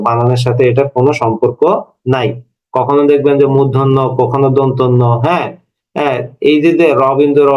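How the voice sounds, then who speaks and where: A man's voice: medium pitch, poor audio. A man in his thirties teaching a language lesson to a class, explaining step by step and asking his students questions. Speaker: Bengali language lecturer. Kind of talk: classroom lecture.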